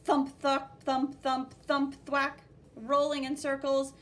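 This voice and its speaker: A teacher reads a picture book aloud to children, her delivery expressive and full of exclamations, spoken sound effects, and commentary. Her voice is high-pitched and her pace slow.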